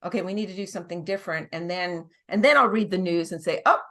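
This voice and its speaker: A middle-aged woman from the US, a nurse practitioner invited as a guest, explains at length in casual talk, restarting frequently with little laughs in between. Her voice sits on the low side, with a sharp tone and a fast pace.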